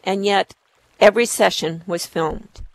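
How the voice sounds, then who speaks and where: A woman's voice: medium pitch, unhurried, no room sound, poor audio. A woman presenting awards live at an online event as the host, effusive in her praise.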